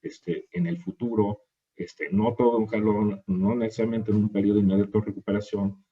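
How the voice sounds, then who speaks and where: A man hosts an online industry panel over a video call, pausing often with fillers. His voice sits low and very dark with a husky edge. The call audio is dull and lo-fi. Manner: hesitant, many fillers. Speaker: webinar moderator. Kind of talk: hosting an online industry webinar.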